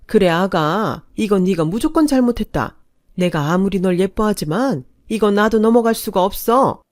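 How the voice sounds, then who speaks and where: A woman's voice: mid-range voice, animated, normal speed, a little mellow, no echo, clean studio sound, natural voice. Woman playing a cold, disapproving mother-in-law. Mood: reproachful.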